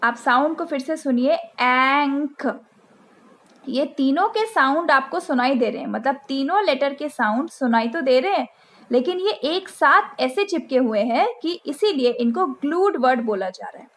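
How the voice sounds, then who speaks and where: A woman from India hosting a channel, teaching phonics to parents and spelling letters out and repeating sounds slowly, with an Indian accent. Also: high voice, lively intonation. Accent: Indian English. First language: Hindi.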